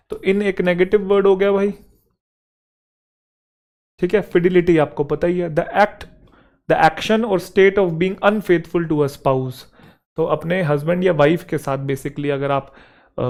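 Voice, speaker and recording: Young male tutor, slightly high voice, chatty and informal, checks in with students often. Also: a little mellow. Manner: conversational, often adds "theek hai bhai". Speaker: teacher. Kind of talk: vocabulary lesson.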